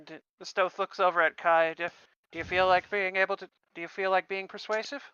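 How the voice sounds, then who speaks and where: A man playing in a tabletop game, with dry, wry remarks and a lively way of speaking. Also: high voice, brisk, clear, resonant tone, dry recording, muffled recording. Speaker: player. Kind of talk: tabletop role-play chat.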